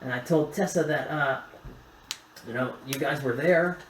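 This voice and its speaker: A man's voice: mid-range voice, normal speed, reverberant, a little hiss or hum, natural voice, low-quality recording. A man voicing a male gnome lackey who talks like a slangy bro, drawling and stumbling over his words. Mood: rambling.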